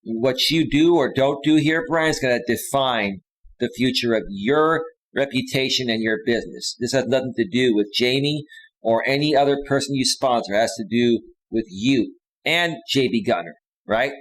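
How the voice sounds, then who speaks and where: A man at a medium pitch and normal speed hosts a livestream heard through poor audio. His talk is an unplanned, casual monologue packed with slang and repetitive, insistent direct address.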